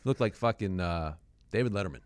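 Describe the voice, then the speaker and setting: A former pro football player with a low, animated voice tells long, profane, rambling stories in casual podcast chat. He speaks a little fast, and the recording is dry.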